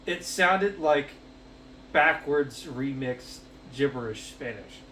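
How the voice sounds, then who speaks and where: A man's voice: medium pitch, animated, slow, distant mic, a crowd in the background. A man hosting a casual cooking vlog on a headset, swearing freely and rambling with lots of fillers. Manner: profane and rambling, with many fillers. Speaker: cooking show host. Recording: roomy, off-mic, music underneath.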